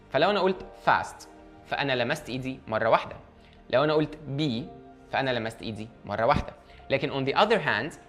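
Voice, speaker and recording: Quick, lively Egyptian Arabic teacher. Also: medium pitch. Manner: explains step by step, mixing in English terms. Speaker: English teacher. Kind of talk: online language lesson.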